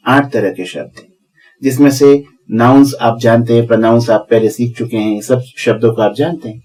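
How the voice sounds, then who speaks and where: A man teaching a video lesson, explaining step by step and slowing down for examples, with a Hindi accent. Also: medium pitch, dark tone, low-quality recording. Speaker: English teacher.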